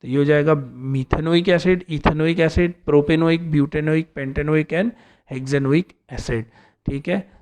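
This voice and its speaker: A man's voice: fairly high pitch, fairly even intonation, moderate pace, darkish tone. A man teaching an organic chemistry lesson, explaining step by step and often checking in with his students. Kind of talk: classroom lecture.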